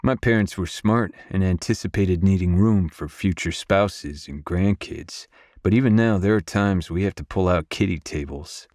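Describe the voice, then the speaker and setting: A man narrating a romance audiobook in first person, in a gruff, brooding manner on a close studio mic. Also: low-pitched, normal speed, a little mellow, dry recording.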